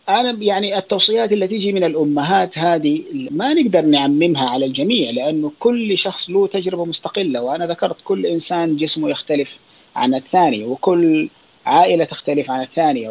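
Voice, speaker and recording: A man with a Saudi accent, a child psychiatrist, answering listener questions in a relaxed spoken Q&A, explaining with fillers and quick restarts. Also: fairly high pitch, husky, lo-fi sound. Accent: Saudi Arabic. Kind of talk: casual spoken Q&A on an online audio space.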